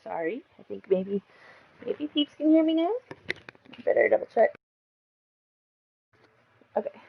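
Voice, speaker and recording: Gravelly, chatty woman gaming streamer. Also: fairly high pitch, lively intonation, unhurried, phone-quality sound, slight background noise. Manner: chatty, playful, talks to herself. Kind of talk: casual gameplay commentary.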